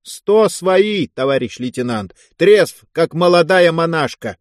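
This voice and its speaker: This is a cocky young sergeant who teases and pushes his luck with a grin, as a male reader puts him on. He talks a notch higher and louder than the narration. The reading is close and dry. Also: animated, unhurried, no room sound. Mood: joking. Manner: teasing, pushy, mock-pleading.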